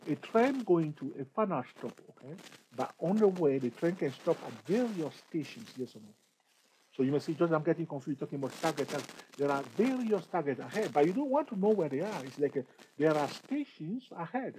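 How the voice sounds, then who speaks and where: Here a chatty man teaches trading from shared charts, repeating himself, asking the viewer questions, and joking at his own expense. His voice leans high and warm. The recording quality is low, and faint noise sits in the background.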